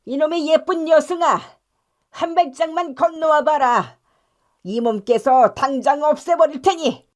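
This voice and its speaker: A woman reading an audiobook voices a crude, notorious male bandit with gruff, threatening bluster. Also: sits high, a little slow, voice pushed up. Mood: scornful.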